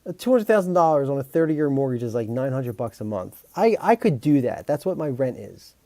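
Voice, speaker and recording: This composer-streamer has a mid-range, dark voice with a sing-song lilt and brisk pace, recorded without echo. Chatting casually with viewers, he rambles and jokes, with frequent restarts, fillers and light swearing.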